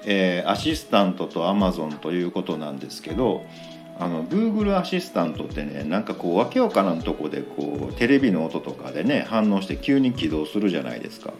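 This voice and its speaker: A man with a very deep voice and a Kansai accent, chatting alone as a show host. He rambles and fills gaps with lots of fillers, and his pitch swings widely. Faint music runs under his talk. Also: big pitch swings, fairly quick. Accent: Kansai Japanese. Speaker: podcast host. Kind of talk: casual solo chat.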